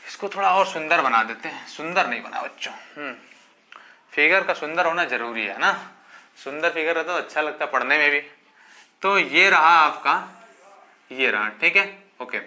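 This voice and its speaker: A man's voice: on the high side, lively intonation, moderate pace, pushed and bright. A male physics teacher giving a classroom lecture, calling his students children and asking questions he then answers himself, with frequent repeated okays. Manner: addresses students as children, frequent fillers like okay.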